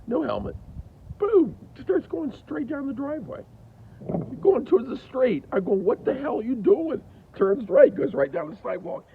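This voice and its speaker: A man in his fifties telling a candid personal story about his kids, animated, with big jumps in pitch. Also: gravelly. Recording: dull lo-fi recording with faint hiss.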